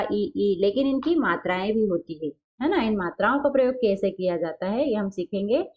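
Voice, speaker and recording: A woman leads a grammar lesson for young children, posing questions and answering them herself while drawing out example words slowly. Her voice is medium in pitch and the recording sounds muffled.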